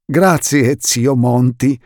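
A man's voice: medium pitch, lively intonation, normal speed, a little mellow, no room sound, studio quality, voice pushed up, natural voice. A man voicing a stiff, formal middle-aged banker who speaks politely and a little awkwardly in an audiobook reading. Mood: stiffly polite.

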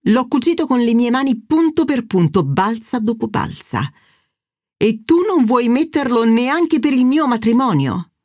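A woman's voice: on the high side, sing-song, measured pace, a little mellow, no echo, clean studio sound, pitched above the performer's own voice. A woman doing a theatrical, self-pitying mother. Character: dramatic, flighty middle-aged mother about to remarry.

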